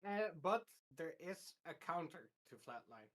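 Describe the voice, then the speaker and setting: A man's voice: fairly high pitch, sing-song, measured pace, a bit bright. A man chiming in agreeably during a casual gaming discussion, speaking hesitantly with restarts.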